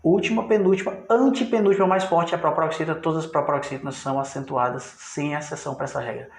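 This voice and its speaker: A man's voice: on the high side, steady tone, fast talker, roomy sound. A man from Brazil teaching a grammar review lesson, explaining step by step and often checking in with his listeners.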